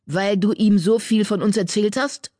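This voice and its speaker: A man's voice: sits high, fairly even intonation, normal speed, a little mellow, dry recording, studio quality, pitched above the performer's own voice, close to an everyday voice. A man voicing an earnest, urging male cat who founded a clan.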